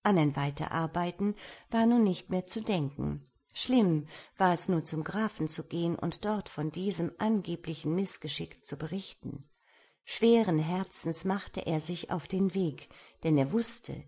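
A woman reads a fairy tale aloud in a calm, measured storytelling manner. Her voice sits slightly low and she takes her time over the phrases. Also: gravelly, breathy edge.

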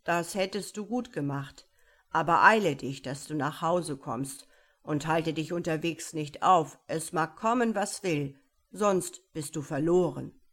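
A gruff male bear from a storybook tale, blunt and scolding, calling out loudly, as a woman narrator puts him on. The voice is low and unhurried. The delivery is slow. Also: heavily acted. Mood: warning.

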